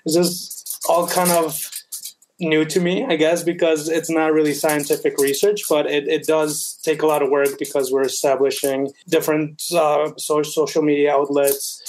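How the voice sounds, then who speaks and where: Young guy from colombia, kinda high flat voice, earnest, lots of uhs and restarts. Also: moderate pace, slight background noise, low-quality recording. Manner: earnest, with many fillers and restarts. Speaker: guest, veterinary student. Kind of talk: casual interview.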